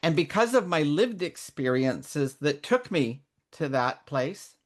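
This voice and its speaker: A woman's voice: deep voice, big pitch swings, slow pace. A middle-aged woman raised in Canada, speaking as a guest mentor in a candid interview, earnest and reflective, often restarting her sentences. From born in Northern Ireland, raised in Canada.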